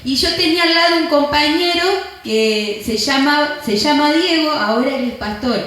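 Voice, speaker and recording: A woman pastor with an Argentine accent preaches to her congregation in a high voice. She tells stories and acts out what others said. Her voice rings through a very echoey church room. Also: moderate pace, a bit bright. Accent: Argentine Rioplatense. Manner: storytelling, acting out quotes. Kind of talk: sermon.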